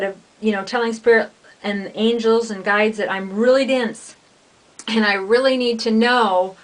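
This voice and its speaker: A woman speaks casually and earnestly, as a minister talking straight to her viewers. Her delivery is folksy and rambling, staying within a narrow band of pitch at a middle height. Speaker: spiritual minister and vlogger. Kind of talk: casual unscripted spiritual talk to viewers.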